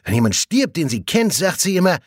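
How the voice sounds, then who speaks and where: An excitable inspector, voiced by a man, pushed high with a husky, lively swing. He frets and splutters in indignation, in a close storybook reading. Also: fairly quick, dry recording. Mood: fretful. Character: male police inspector, excitable, fond of his mother.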